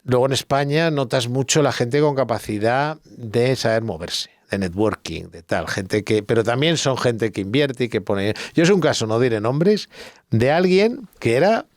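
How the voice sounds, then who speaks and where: A man's voice: mid-range voice, lively intonation, moderate pace, no echo, studio quality. A middle-aged man, a guest expert who explains at length, telling anecdotes and thinking aloud in a casual podcast chat.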